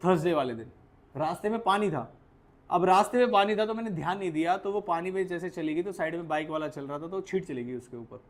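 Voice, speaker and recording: A man with a high-pitched voice teaches a class, often stopping to ask his students whether they follow. He drops English terms into his explanations and tells stories from his own life as examples. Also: fast. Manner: asks the class questions and repeats points; tells personal anecdotes as examples. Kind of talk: classroom lecture.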